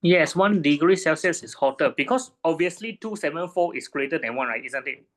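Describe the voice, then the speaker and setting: A man's voice: on the high side, animated, brisk, a bit bright. A man tutoring a student one-on-one in physics, patiently checking her understanding with frequent tag questions.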